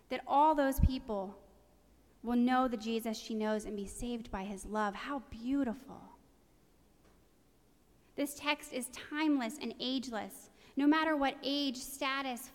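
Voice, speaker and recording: Woman preaching in an echoing hall. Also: on the high side. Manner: earnest, conversational and self-deprecating. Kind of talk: sermon. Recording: long reverb of a large hall.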